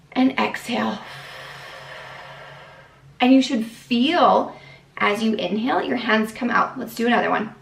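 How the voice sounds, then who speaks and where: A woman's voice: on the high side, creaky, distant mic. Woman fitness coach in an echoey room. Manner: upbeat, guiding breaths step by step. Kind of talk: instructional fitness tips to camera.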